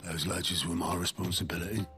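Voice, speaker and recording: A man's voice: low-pitched, level tone, quick pace, over music, lightly acted. A man voicing a dry, stern game manager. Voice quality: dry, cutting delivery. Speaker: game character. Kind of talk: video game voice acting.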